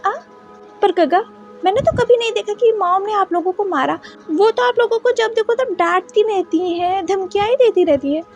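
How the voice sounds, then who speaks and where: Woman doing a spoiled young son, high squeaky voice, stammering, sniffling, whiny, storybook. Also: moderate pace, a little mellow, faint music behind. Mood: tearful pleading. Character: young adult son, whiny, tearful, pampered.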